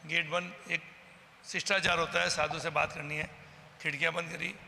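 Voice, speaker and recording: A man's voice: a little high, flat delivery, normal speed, vocal fry, sharp tone, long reverb tail, a little hiss or hum. A man giving an agitated eyewitness account to a news camera and acting out what others said. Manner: agitated storytelling, acting out the quoted exchanges. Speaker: eyewitness from the local community.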